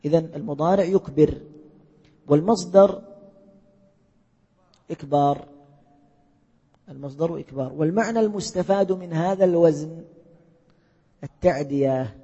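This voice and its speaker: A male teacher with a husky, mellow voice leads a classroom lesson, firing questions at his students and echoing their answers. The sound is muffled and lo-fi, with a long reverb from a large hall. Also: on the high side, normal speed, long pauses. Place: lecture hall.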